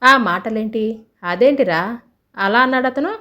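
A woman voicing an excitable young man who asks quick, raised questions in a storybook reading. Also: medium pitch, lightly acted. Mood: alarmed.

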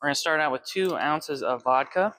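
Bright-voiced young bartender demonstrating cocktails. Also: male voice, fairly high pitch, fairly quick, a little hiss or hum. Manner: friendly step-by-step instructions while mixing. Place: indoor bar with shelves of bottles.

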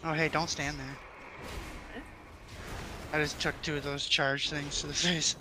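A wry man gamer chatting casually with his teammates. His voice sits a little high, and steady background noise comes through. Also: slow pace. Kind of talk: casual gaming chat. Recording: noisy background.

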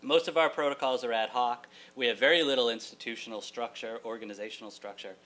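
At a lecture hall podium, a middle-aged man who teaches college writing gives a prepared keynote, articulate and wry with joking asides. His medium-pitched voice is fairly bright, and he talks fast. A distant camera picks up hum and room noise.

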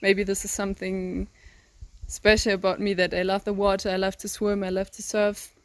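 An eighteen-year-old woman from northern Germany with a German accent, speaking English as a second language, answering interview questions thoughtfully with many pauses and restarts, recorded outdoors in a garden. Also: medium pitch, level tone, no room sound. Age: teens. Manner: thoughtful, searching for words, many ums and restarts. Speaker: interview guest, volunteer. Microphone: handheld phone held by interviewer.

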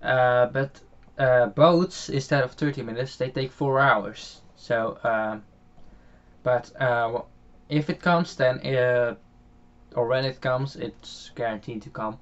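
A young man with a Dutch accent, from the Netherlands, takes it slowly as he rambles through gameplay commentary for his gaming channel, with plenty of fillers, restarts, and chuckles. His mid-range voice stays steady, and the home microphone produces dull audio.

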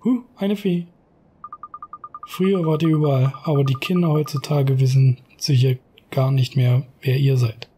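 A man's voice: medium pitch, steady tone, unhurried, mellow, a little hiss or hum, natural voice. Man doing a kindly old owl granny shopkeeper. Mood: kindly, surprised. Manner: polite, musing, old-fashioned. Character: kindly, forgetful elderly female owl shopkeeper.

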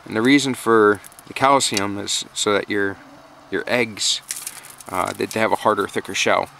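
Low-pitched and steady, his voice moves at a moderate pace and sounds creaky, pushed and bright. The backyard chicken keeper gives a casual how-to vlog, talking informally over background noise in his yard and a small wooden coop. A handheld camera with an operator behind it captures the noisy audio.

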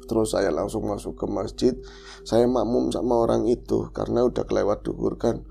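A man's voice: fairly low pitch, steady tone, normal speed, creaky, warm tone, slight background noise. A man tells his life story in a casual interview. He speaks earnestly, as if making an emotional confession. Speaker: guest, reformed street thug.

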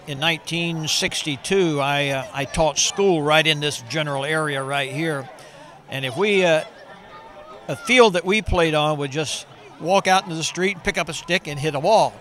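A man's voice: a little high, normal speed, fairly bright tone. An older man reminiscing about his teaching days in an outdoor interview at a ballpark, speaking into a handheld mic. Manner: reminiscing, hesitant restarts. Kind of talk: casual interview answers. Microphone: handheld reporter mic. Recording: crowd noise outdoors.

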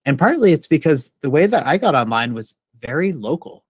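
A man's voice: on the high side, fairly quick, slightly rough, no echo. A man in his thirties from Massachusetts, a professor speaking as a guest in a thoughtful, conversational way with many "like" fillers, over a video call. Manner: thoughtful, frequent "like" fillers, expressive hand gestures. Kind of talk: conversational interview answer. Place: home office. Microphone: video call with earbuds.

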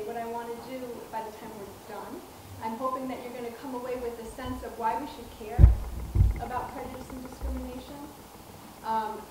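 Lecturing publicly as a professor, a middle-aged woman speaks softly at a measured pace in a high voice, often pausing with ums and restarting phrases. She stands on a dark auditorium stage before a projector screen with a handheld mic, while a distant camera captures the echoey hall and its room noise.

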